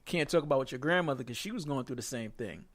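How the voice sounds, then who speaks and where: A man's voice: medium pitch, expressive, rapid-fire, fairly bright tone. A man co-hosting a panel discussion, talking in a casual, conversational way with some swearing. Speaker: co-host.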